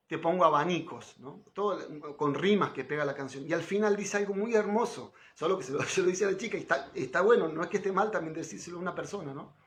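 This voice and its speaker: A man's voice: fairly high pitch, a bit bright. A middle-aged man giving an informal devotional class, talking conversationally and often checking in with his listeners. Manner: conversational, frequent tag questions, quotes others with lifted voice. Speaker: spiritual teacher giving a class.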